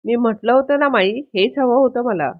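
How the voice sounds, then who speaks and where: A woman's voice: fairly high pitch, moderate pace, lightly acted. A woman reading the lines of a spiteful, scheming young woman who boasts of her plot. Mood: gloating. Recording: tinny phone-like audio.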